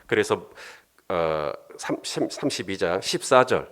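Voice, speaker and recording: A male pastor preaching a sermon in an animated way, often acting out bits of dialogue. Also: low voice, slow pace.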